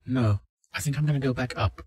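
A man's voice: medium pitch, a little fast, darkish tone, breathy edge, voice pushed up, natural voice. A man voicing a terrified young woman test subject who pleads and panics. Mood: uneasy, scared.

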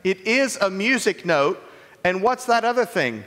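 High-voiced man giving a children's sermon. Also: animated, a little slow, a bit bright. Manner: playful, asks children many questions. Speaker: children's message leader. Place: church sanctuary. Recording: echoey church hall reverb.

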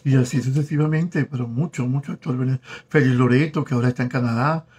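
A man in his forties, a former telenovela actor, chatting casually on a live stream, greeting viewers by name with warm, flirtatious charm. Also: mid-range voice, fairly even intonation, slightly rough. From Venezuela. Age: 40s. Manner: warm, flirtatious, reads viewer names aloud haltingly. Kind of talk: casual live-stream chat reading comments. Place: home in South Florida.

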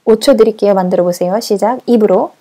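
Slow-drilling woman English teacher, mellow voice. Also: medium pitch. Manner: gives prompts and countdowns, repeats English sentences slowly. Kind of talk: language lesson with drills.

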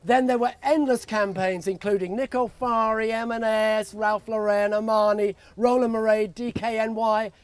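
A man's voice: high-pitched, flat delivery, normal speed, few pauses, no echo. A man in his sixties giving a jokey father of the bride speech, reading from notes into a handheld microphone. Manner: jokey storytelling. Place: outdoor garden wedding reception. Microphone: handheld microphone held close.

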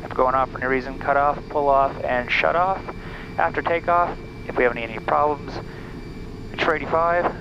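A man in his thirties, a bush pilot in a small plane cockpit, talking through his checklists step by step on a headset and making radio calls. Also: medium pitch. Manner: methodical, running through checklists aloud. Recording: muffled headset audio over engine noise.

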